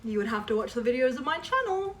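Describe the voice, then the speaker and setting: Very animated and quick, this woman's high-pitched voice is a bit bright as she answers fan questions. She's an online voice performer in her twenties, rambling casually and cutting herself off often. She's recorded from a distant mic with clear background noise.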